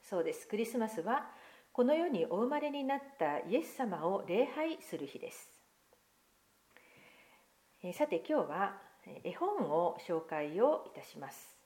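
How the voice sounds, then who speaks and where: Woman giving a lively church children's talk. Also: mid-range voice, a little slow. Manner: gentle, expressive storytelling with voices. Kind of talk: Bible quiz and picture-book reading.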